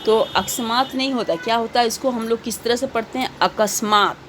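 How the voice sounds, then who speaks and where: A woman's voice: fairly high pitch, fairly even intonation, fast talker, noisy background. A woman teaching a recorded class to children, reading out questions and patiently repeating the answers.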